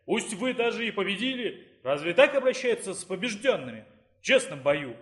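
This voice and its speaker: A man reading the part of a weary, stubborn male dean of a dark faculty in an audiobook, grumbling and bitter. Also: high-pitched, sing-song, fairly quick.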